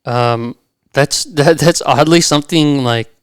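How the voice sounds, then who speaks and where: A man's voice: on the high side, slow, clean tone, no room sound, studio quality. A man who is a chef and restaurant owner, talking as a podcast guest in a casual, rambling way full of restarts and fillers. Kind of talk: casual conversation.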